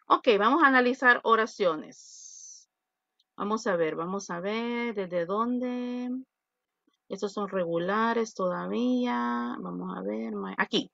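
A woman's voice: medium pitch, vocal fry, fairly bright tone, no echo, dull audio. A woman English teacher with a Salvadoran Spanish accent, patiently explaining an online class and repeating her points.

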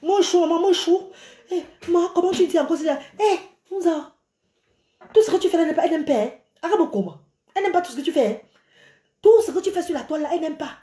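This middle-aged woman from Cameroon is ranting on a live phone stream to her followers, gesturing a lot and exclaiming animatedly from a small indoor room by a curtain. She's very high-pitched and talks fast, the phone is at arm's length, and the sound is reverberant.

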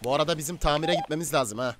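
With a crowd audible behind him, a Turkish-accented man fires off rapid commentary and in-game roleplay chat on his stream in a fairly high voice. He comes across as domineering, slangy, and ready to argue with players.

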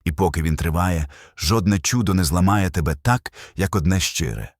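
A man's voice: low voice, expressive, normal speed, no room sound, clean studio sound. A man delivering a scripted sermon narration as a preacher, solemn and emphatic, building with short repeated phrases.

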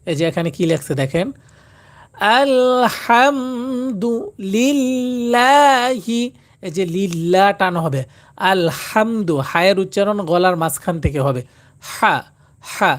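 Man, high voice, live-stream recitation teacher, dry close sound. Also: fast, no room sound. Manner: pleads for likes and shares.

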